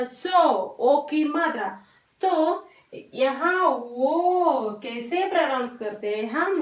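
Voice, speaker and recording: Female schoolteacher, high and unhurried, patient and repetitive, heard from a distance in a roomy space. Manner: slow, patient, repetitive, mixes English words into Hindi. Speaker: primary school teacher. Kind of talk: recorded Hindi class for young children.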